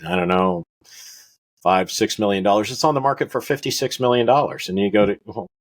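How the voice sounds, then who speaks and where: Husky-voiced Wyoming rancher telling stories. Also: male voice, on the low side, a little fast. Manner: animated, acts out voices in anecdotes, laughs often. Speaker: rancher guest. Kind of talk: casual interview storytelling.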